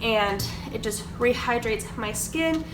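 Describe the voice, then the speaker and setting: A young beauty vlogger from Georgia in the US, congested from a cold, chats through her get-ready-with-me makeup routine at her kitchen table, explaining products with lots of fillers. Her voice is a little high and slow, heard over music. The room is echoey, with a distant mic and background noise.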